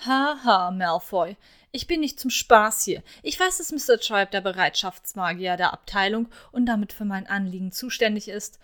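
A woman voicing a brisk, officious young witch who talks in a clipped, insistent way. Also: medium pitch, fairly bright tone, close to an everyday voice.

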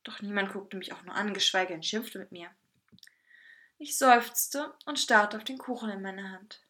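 A woman reading a first-person story aloud with lively, expressive narration. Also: mid-range voice, moderate pace.

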